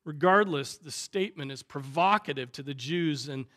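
Southern pastor guy preaching, highish voice, gets loud and dramatic. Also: normal speed. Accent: Southern American. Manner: dramatic, voices the crowd's shouts loudly. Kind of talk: sermon.

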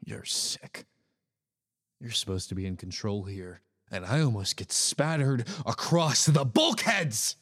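A man's voice: mid-range voice, animated, unhurried, a bit bright, in a large hall. An actor playing a nervous, shaken male worker in a video game who stammers when agitated. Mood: angry.

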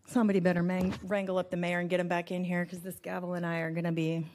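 Low-voiced woman chairing, noisy recording. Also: level tone, quick pace, darkish tone. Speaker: acting meeting chair. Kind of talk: meeting procedure. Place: council meeting room. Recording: clear background noise, clicks.

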